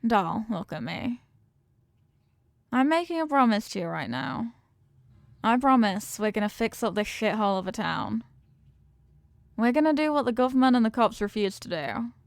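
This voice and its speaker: With a fairly high, expressive voice, vocal fry and long pauses, a woman speaks at a moderate pace in a clean, echo-free recording. Playing a self-assured mafia boss girlfriend in romantic audio roleplay, she mixes tough talk with tender affection and slang pet names, sounding devoted and full of promise.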